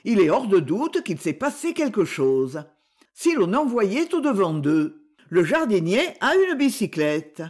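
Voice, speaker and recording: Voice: medium pitch, sing-song, a little slow, a little mellow. A storybook reader voicing a fearful middle-aged widowed sister who talks nervously, pressing for answers and stammering. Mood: panicked.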